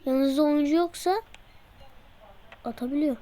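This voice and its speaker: A woman giving a casual gameplay tutorial, excitable and muttering and shouting at the game as she plays. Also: high-pitched, measured pace. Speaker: gameplay video maker.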